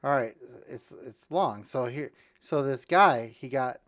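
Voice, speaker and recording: A man's voice: measured pace, a bit bright. A man hosting a podcast, telling a long joke in a rambling way, with restarts. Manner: rambling storyteller, restarts, jumps to high voices for punchlines. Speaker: podcast host.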